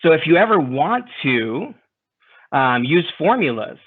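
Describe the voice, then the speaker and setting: A man's voice: a little high, unhurried. Man teaching spreadsheet tips over tinny call audio. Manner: relaxed, conversational, with frequent fillers and self-corrections. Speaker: presenter of a software training webinar. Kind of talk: screen-share software tutorial.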